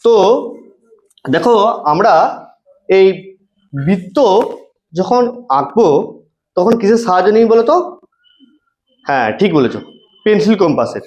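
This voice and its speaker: A woman's voice: fairly low pitch, big pitch swings, a little slow, pauses often, a little mellow. A female trainee teacher giving a demo lesson, asking questions and answering them herself. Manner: cheerful, asks and answers her own questions. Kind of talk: demo lesson to an imagined class. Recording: dull lo-fi sound.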